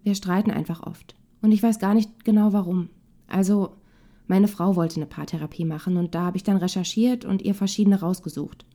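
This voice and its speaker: A woman's voice: mid-range voice, fairly even intonation, a little fast, dark tone, close to an everyday voice. A woman voicing a hesitant, sheepish young father who explains himself defensively. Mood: helpless.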